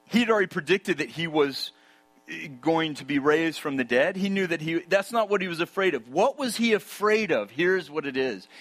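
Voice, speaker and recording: A man preaching a sermon, emphatic and full of rhetorical questions, dropping to a hush for key points. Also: fairly high pitch.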